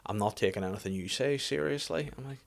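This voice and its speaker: A man's voice: medium pitch, quick pace, gravelly. A man with a Northern Irish accent telling sweary, self-deprecating comic anecdotes in casual podcast chat, as a stand-up comedian would.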